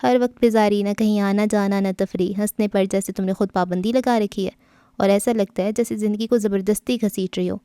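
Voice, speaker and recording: A woman voicing a lively, teasing young woman friend who coaxes gently. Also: medium pitch, clean tone, dry recording, studio quality, natural voice. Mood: coaxing. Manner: playful, coaxing.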